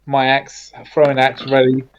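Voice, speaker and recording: Brief: mid-pitched male tabletop player, casual and a bit hesitant. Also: completely flat delivery, moderate pace, dull audio. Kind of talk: casual tabletop game play.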